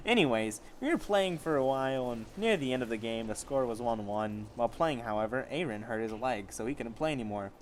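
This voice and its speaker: Brisk and barely pausing, a man with a mid-range voice reads fan fiction aloud as an amateur. He stumbles on the text and corrects himself, and slight background noise can be heard.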